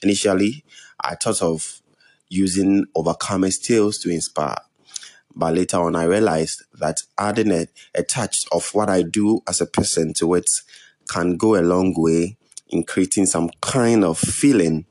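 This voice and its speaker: A young man with a West African accent, hosting a podcast alone in a measured, earnest way. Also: deep voice, a little mellow. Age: young adult. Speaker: podcast host. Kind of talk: introductory solo podcast talk.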